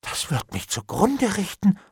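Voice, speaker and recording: A man voicing a cowardly, frightened bailiff in an audiobook, pleading in a high, whining voice broken by gasps and whispered prayers. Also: wildly swooping pitch, normal speed, husky, dry recording, studio quality, exaggerated voice. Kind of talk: audiobook character reading.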